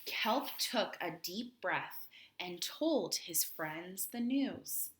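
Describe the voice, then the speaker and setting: A woman reading a children's picture book aloud expressively, with dramatic pauses, chatty asides and questions for her young listeners. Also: fairly low pitch, animated, fairly bright tone, a little hiss or hum. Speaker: children's read-aloud host.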